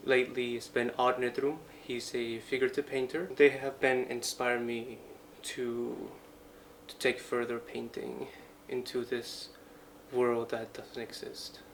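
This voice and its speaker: Audio quality is poor, with noticeable background noise and ambience, as a young Colombian Franciscan friar and painting student reflects on his life in an interview. In his 20s, he has an even, mid-range voice and speaks in short, halting phrases.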